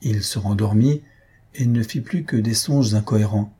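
Male audiobook narrator, very husky voice, dark mellow tone, measured reading. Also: fairly low pitch. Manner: measured, even storytelling.

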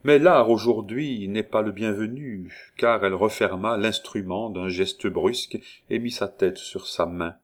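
A man narrating a classic novel as an audiobook in a measured, deliberate reading. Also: fairly low pitch.

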